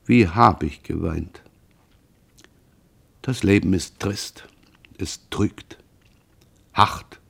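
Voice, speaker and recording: A man reading a grieving mother, slow and gravelly. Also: fairly low pitch, a little mellow, full character voice. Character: grieving middle-aged mother, confessing and frightened. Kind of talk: audiobook reading.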